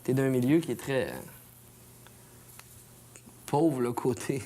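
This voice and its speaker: A woman's voice: very deep voice, unhurried, mellow. A woman with a Quebec French accent, talking casually and persuasively about a play and laughing as she goes. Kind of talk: casual discussion.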